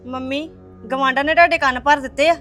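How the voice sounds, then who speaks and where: A woman's voice: a little high, fast talker, a bit bright, faint music behind, natural voice. A woman plays a young wife who soothes and placates her upset relatives. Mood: defensive. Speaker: daughter-in-law. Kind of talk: family web series acting.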